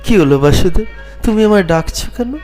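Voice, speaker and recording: A man voicing a gentle divine male lord who speaks in tender, comforting questions. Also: sits high, animated, a little fast, faint music behind.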